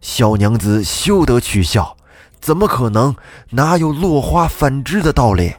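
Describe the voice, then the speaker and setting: A man voicing a gentle old male gardener who mourns his ruined flowers, speaking slowly and mournfully. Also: mid-range voice, big pitch swings, no room sound. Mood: doubting. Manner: mournful, slow, quavering.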